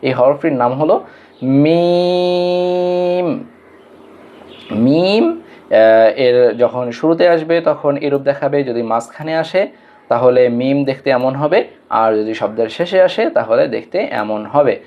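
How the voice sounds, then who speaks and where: A man's voice: medium pitch, normal speed, darkish tone, muffled recording. A man teaching Arabic letters in a Quran lesson with a Bangladeshi Bengali accent, explaining patiently step by step and stretching out each letter name for students to repeat.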